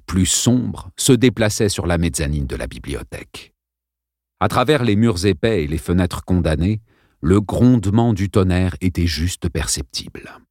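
A man reads a suspense novel aloud in a dramatic style. His voice is low and his inflection is lively. The recording is dry and close, with no room sound. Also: dry recording. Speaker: narrator. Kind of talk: audiobook narration.

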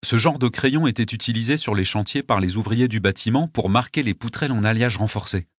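A man narrating a story in a steady, measured way. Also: on the low side, dry recording, studio quality. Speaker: audiobook narrator. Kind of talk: scripted narration.

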